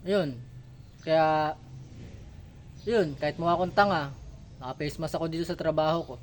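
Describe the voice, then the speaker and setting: A Filipino man talking casually in a vlog, candid and halting, with speech shaped by missing front teeth. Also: on the high side, slight background noise. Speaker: vlogger.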